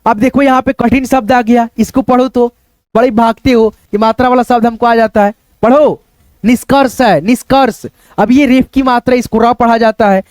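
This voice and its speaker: A young man teaching Hindi reading in a casual spoken lesson, repeating sounds and words slowly and calling to his viewers as friends. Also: very high-pitched, fairly even intonation, darkish tone, dry recording. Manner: repetitive, drills words slowly, coaxing "dosto".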